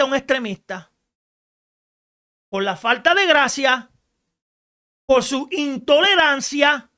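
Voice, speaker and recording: A woman preaching a radio sermon in an emphatic style, rising to shouts and asking rhetorical questions. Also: sits high.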